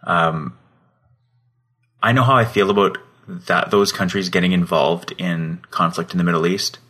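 A Canadian man with a very deep yet bright, forceful voice co-hosts a podcast. He chats casually, laughing often and feeling his way through his words. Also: fairly even intonation, a little slow. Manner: laid-back and laughing, searching for words. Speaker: podcast co-host.

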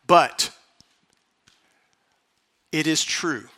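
High, bright-voiced male preacher. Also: drawn-out words. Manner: dramatic storytelling that drops to a hush. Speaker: pastor. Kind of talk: sermon.

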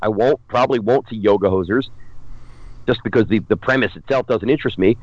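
A man in his forties, a guest film critic chatting on a podcast in an animated, opinionated way. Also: fairly low pitch, a little fast, no echo, dull audio. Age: 40s. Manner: opinionated, animated, acts out quotes in silly voices. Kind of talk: casual podcast chat.

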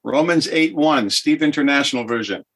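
A man's voice: fairly high pitch, normal speed, noisy background. Earnest older man, heartfelt podcast guest. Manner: earnest, heartfelt, emotionally open. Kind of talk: podcast interview.

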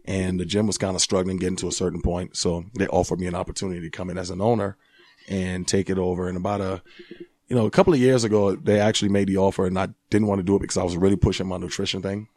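A man's voice: low-pitched, very fast, no echo. A man in his forties from Liberia, a boxing gym owner telling stories in a casual interview and laughing often, recorded in a gym. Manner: laughing, animated storyteller.

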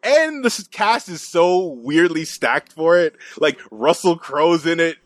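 A man's voice: on the high side, animated, measured pace, no room sound. A man from Canada co-hosting a podcast, explaining things in an informal, rambling way with colloquial asides. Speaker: podcast co-host. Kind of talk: casual chat.

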